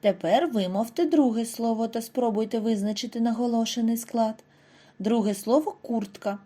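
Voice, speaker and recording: A woman giving a scripted reading lesson to first graders, speaking clearly and stretching out example words slowly for the children. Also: fairly high pitch, warm tone. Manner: slow, over-articulated model words for children. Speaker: primary school teacher.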